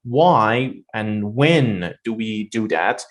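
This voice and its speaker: A man's voice: lowish voice, animated, drawn-out words. A young man teaching English pronunciation, demonstrating stressed syllables with exaggerated emphasis and frequent fillers. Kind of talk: explaining pronunciation lesson.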